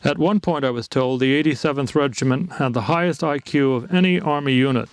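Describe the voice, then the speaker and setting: A man in an interview recounts his father's story in a steady manner. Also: medium pitch, fairly quick, no echo. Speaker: interviewee, son of the founder. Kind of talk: interview recollection.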